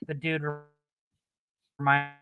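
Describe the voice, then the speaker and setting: A man's voice: on the high side, monotone, takes it slowly, phone-quality sound. A man giving blunt, filler-heavy picks over a remote call whose audio keeps breaking up on a bad connection. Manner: blunt, hesitant with many fillers. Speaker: guest betting analyst. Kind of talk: casual fight picks chat.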